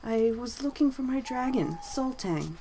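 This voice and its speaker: A woman voicing a shy little kitsune girl who speaks softly, stammering and near tears. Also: fairly high pitch, animated, unhurried, a little hiss or hum, voice pushed up, rough recording. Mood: shy, tearful. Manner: soft, whimpering, stammering.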